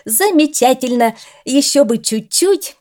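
A woman voicing a bossy, hot-tempered male cat who coaches a dog, shouting indignantly in a storybook reading. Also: medium pitch, very animated, measured pace, voice pushed up. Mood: commanding.

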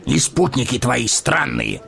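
An actor playing a proud, commanding horse-lord guard captain in an audio drama. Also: male voice, medium pitch, huge pitch swings, unhurried, creaky, fairly bright tone, exaggerated voice. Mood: stern.

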